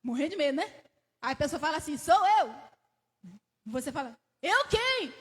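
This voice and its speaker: Brazilian woman preacher, high voice, gets excited telling the story, long church echo. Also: brisk. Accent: Brazilian Portuguese. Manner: animated storytelling, rising excitedly, asking the congregation questions; laughs between phrases. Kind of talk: sermon. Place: church sanctuary. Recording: church hall with long reverb.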